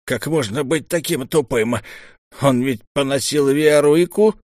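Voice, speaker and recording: A man's voice: medium pitch, a little slow, darkish tone, dry recording, studio quality, pitched above the performer's own voice, lightly acted. A man voicing a spiteful, scheming old temple mentor who talks in a gloating, venomous hiss.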